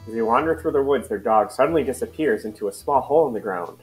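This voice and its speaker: Male narrator, calm scripted storytelling, gentle guitar music behind the voice. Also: mid-range voice, fast, low-quality recording.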